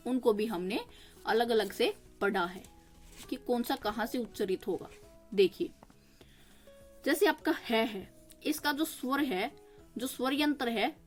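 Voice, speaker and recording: A young woman teaching exam-prep grammar, explaining patiently, asking and answering her own questions and slowly sounding out each consonant. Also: a little high.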